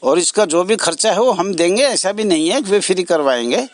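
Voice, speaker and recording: This is a male association president speaking directly to supporters, sincere yet hesitant and repetitive, with pauses between phrases. He has a high-pitched voice with lively intonation, captured in a dry recording.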